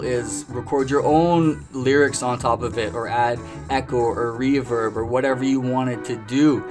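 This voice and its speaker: A man hosting a music show in a laid-back, chatty way, laughing often as he talks about records. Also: medium pitch. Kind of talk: casual chat. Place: treehouse restaurant and bar. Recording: music clearly behind the voice.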